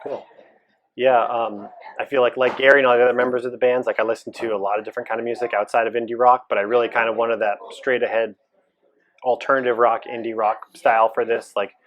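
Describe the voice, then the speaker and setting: A man from Massachusetts, the band's founder and guitarist, answering interview questions in a relaxed, rambling way with many fillers. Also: mid-range voice, fast talker, muffled recording, a little hiss or hum. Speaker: band founder, guitarist and singer.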